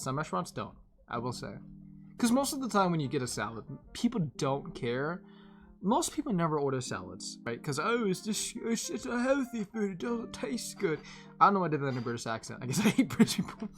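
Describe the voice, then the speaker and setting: Low-voiced rambling woman streamer. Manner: rambling, laughs often, swings from animated to tired and quiet. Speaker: live streamer. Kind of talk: casual chat with stream viewers.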